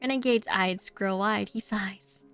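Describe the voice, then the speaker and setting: A woman game streamer reading visual novel narration aloud in an expressive way. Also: medium pitch, unhurried, smooth, soft background music.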